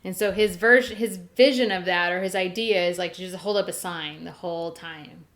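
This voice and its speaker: A woman's voice: lowish voice, moderate pace, fairly bright tone. Chatty woman podcast host, casual recap. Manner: chatty and conversational, full of 'like' and 'or whatever'. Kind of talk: casual chat recapping a teen drama.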